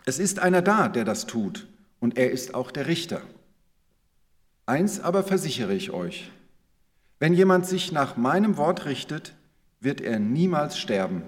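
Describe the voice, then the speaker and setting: A preacher reading Jesus, earnest and measured. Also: male voice, fairly high pitch, big pitch swings, long reverb tail. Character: Jesus, calm earnest male teacher.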